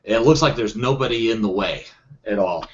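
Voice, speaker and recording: A man's voice: fairly low pitch, normal speed. Hesitant man running a tabletop game. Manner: hesitant, thinking aloud with many restarts. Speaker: game master. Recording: dull lo-fi sound.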